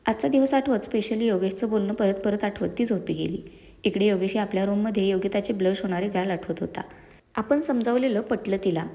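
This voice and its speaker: A woman's voice: medium pitch, dark tone, big-room sound. A woman reading a serialized romance story aloud, voicing every character's lines herself. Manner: reads every character's lines in her own voice.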